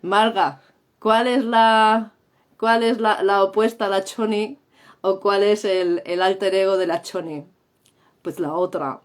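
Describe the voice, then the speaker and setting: Slow-talking playful Spanish woman teacher. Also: mid-range voice, steady tone. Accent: Spain Spanish. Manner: playful, theatrical, acts out sounds. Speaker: English teacher. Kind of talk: live-streamed language lesson.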